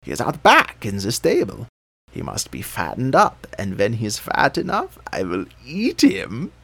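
A man's voice: medium pitch, huge pitch swings, a little slow, creaky, fairly bright tone, husky, no room sound, full character voice. A man voicing a wicked, cruel old witch who scolds and schemes in a storybook reading. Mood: scolding.

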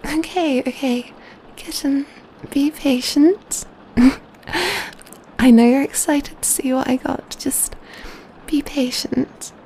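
A woman performs a female vampire in an ASMR roleplay, her very high, mellow voice cooing and soothing as she pampers her companion close to the listener. She speaks slowly, tenderly and playfully in a steady tone, often dropping to whispers. The audio is poor, with a little hiss or hum.

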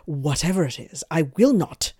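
A storyteller voicing an outraged, pompous man who shouts in protest. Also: medium pitch, animated, normal speed, vocal fry, dry recording, studio quality. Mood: indignant. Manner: indignant, blustering.

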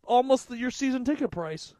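A man in his thirties co-hosting a casual sports talk show, excitable and swearing, often shouting with excitement. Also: very high-pitched, a little fast, no echo. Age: 30s. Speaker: podcast co-host.

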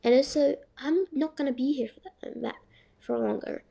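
A woman's voice: high-pitched, normal speed, vocal fry, mellow, muffled recording. A young woman casually reading a children's chapter book aloud, chatty and stumbling over words. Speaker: reader.

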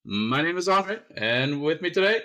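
A man hosting a casual sports podcast, chatty and quick to laugh, sometimes tripping over his words. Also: fairly high pitch, animated, sharp tone. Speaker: podcast host.

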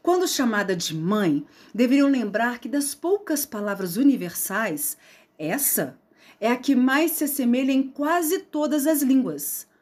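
A woman performing a spoken word poem, slow and dramatic with sudden loud outbursts. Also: on the high side, expressive.

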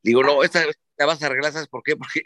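Man, Mexican Spanish accent, sports host, animated profane anecdotes, very bright tone, dry sound. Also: on the high side, racing, no room sound. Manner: animated, profane, acts out quoted voices. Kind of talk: casual storytelling chat.

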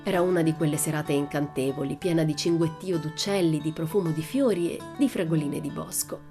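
A woman narrating a children's audiobook in a calm, measured, gently expressive manner. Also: low-pitched, faint music behind. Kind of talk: storybook narration.

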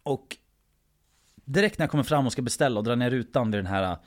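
A man's voice: medium pitch, expressive. A man telling a long anecdote in casual podcast chat, acting out quotes and swearing casually.

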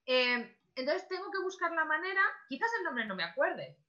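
A woman's voice: high-pitched, big pitch swings, normal speed, pushed and bright, highs cut off. A woman speaking as a guest in a casual podcast chat, chatty, with many fillers and frequent laughs.

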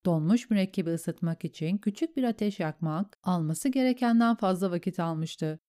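Woman narrator, measured storyteller, warm dark tone. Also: on the low side. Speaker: audiobook narrator. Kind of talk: scripted narration.

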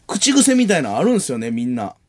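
A man with a Kansai accent, hosting late-night comedy radio, casually bantering and reading listener cards with quick jokes. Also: mid-range voice, dry recording. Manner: lively, quick joking reads of listener cards. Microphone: studio microphone.

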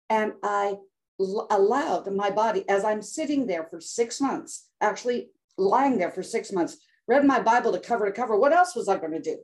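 This is an emotional storytelling moment in an interview: an older woman from the United States, a health coach, recounts something personal with theatrical flair. She voices the quotes as little performances. Her voice is on the high side and a little mellow.

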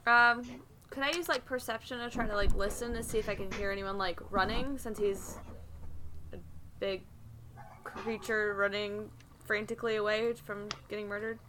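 A woman's voice: mid-range voice, fairly even intonation, normal speed. A woman player in a tabletop game, talking casually and a bit hesitantly, with background noise on her recording.

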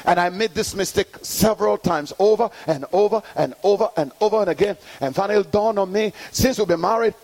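A man's voice: high voice, a little fast, few pauses, a little mellow. A middle-aged man preaching a sermon to his congregation, calling out for the church to answer back and building to emphatic peaks. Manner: call-and-response preaching, rising to emphatic peaks. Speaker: pastor.

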